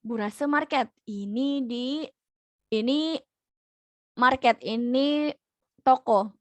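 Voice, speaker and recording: Patient young woman teaching slowly. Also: high voice, no echo. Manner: patient, repeats each point slowly. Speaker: language teacher. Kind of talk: online class teaching.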